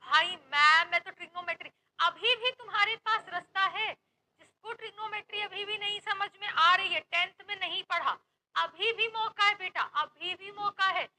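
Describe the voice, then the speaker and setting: At normal speed and in a sharp, very high-pitched voice, a young Uttar Pradesh woman with that region's Hindi accent teaches maths online. The class is lively and playful, in mixed Hindi and English, and the recording is low quality.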